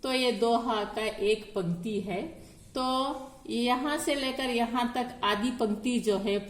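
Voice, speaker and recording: A woman's voice: a little high, takes it slowly, roomy sound. A woman teaching a grammar lesson on poetic meter, counting syllables aloud one at a time.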